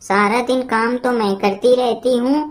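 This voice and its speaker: A woman voicing a quarrelsome older mother-in-law in a cartoon comedy, taunting and name-calling, over loud background noise. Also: fairly high pitch, fairly even intonation, measured pace, natural voice. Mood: scolding.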